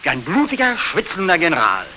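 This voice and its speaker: A young soldier back from war, haunted and sleepless. His high voice is sharply forceful and swings widely, with feverish intensity and military deference. It is 1940s film acting on a soundtrack with faint hiss. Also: huge pitch swings, a little fast, full character voice, rough recording. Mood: haunted, strained. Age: young adult.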